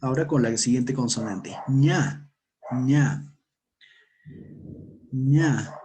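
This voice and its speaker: A man gives a pronunciation lesson at a very slow, deliberate pace, repeating every sound and word so listeners can copy him. His voice sits at a middle pitch, with a faint hiss of noise behind it. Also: mellow. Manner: drills sounds slowly, repeating words and prompting the learner. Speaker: language teacher.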